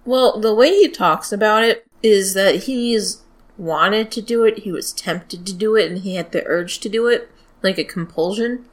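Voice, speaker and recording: A woman's voice: medium pitch, moderate pace. A woman with a general American accent hosting a podcast, telling true-crime stories in a blunt, informal, sweary way. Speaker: podcast host. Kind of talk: casual true-crime storytelling.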